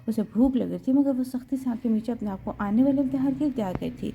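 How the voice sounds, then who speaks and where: A woman reading a romance novel aloud in an even, steady storytelling manner. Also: a little high, a little hiss or hum. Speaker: audiobook narrator.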